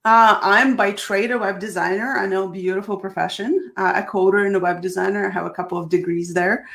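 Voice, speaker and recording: A woman's voice: mid-range voice, steady tone, fairly quick, gravelly, fairly bright tone. A woman from Russia, a guest in a casual video interview, upbeat and telling her story. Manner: upbeat, laughs often, storytelling.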